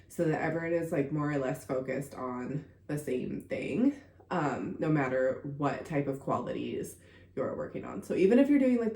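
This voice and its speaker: A young woman hosts her own casual solo podcast, chatting with lots of fillers and sounding congested after a recent illness. She is a podcast host and contortion coach, and her low voice is a little mellow, with reverb in the sound.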